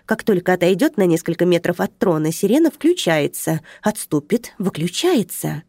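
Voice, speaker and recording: A woman's voice: on the low side, expressive, normal speed, dark tone, no room sound, studio quality. A woman voicing a stern, indignant female museum attendant who scolds in a raised voice.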